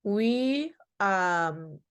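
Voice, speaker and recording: A woman teacher explaining a classroom lesson to young children, slow and deliberate, with fillers as she goes. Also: medium pitch, animated, clear, resonant tone.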